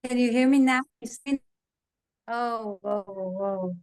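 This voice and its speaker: A woman speaking haltingly on a group video call while her audio glitches and keeps dropping out. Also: fairly high pitch, darkish tone. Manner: hesitant, restarts phrases. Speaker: team member on a video call. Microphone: laptop or phone on a video call.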